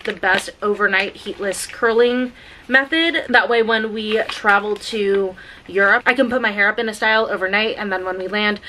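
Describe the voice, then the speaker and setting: Her medium-pitched voice is bright and forceful, and the low-quality recording carries a little hiss or hum. This thirtysomething vlogger talks through her clothing haul and makeup indoors in her bedroom, upbeat, musing aloud with plenty of "like"s, captured on a camera mic.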